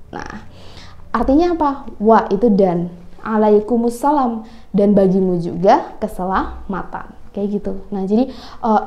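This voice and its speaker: A woman's voice: mid-range voice, dark tone. A woman teaching Arabic greetings in a casual video lesson, chatty and full of little fillers. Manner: chatty, explains with many "nah" and "kayak gitu" fillers.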